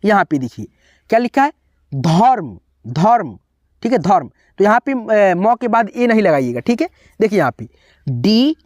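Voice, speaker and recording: A man's voice: sits high, no room sound, studio quality. A man teaching a beginners' spelling lesson, patiently spelling out each word letter by letter and checking in with his viewers again and again. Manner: keeps saying "okay, friends".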